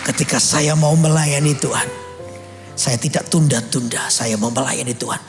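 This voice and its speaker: A man's voice: medium pitch, moderate pace, echoey room, soft background music. A male pastor, preaching a sermon and acting out the dialogue as he tells his story. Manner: animated storytelling, acts out dialogue, calls for amens. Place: church service.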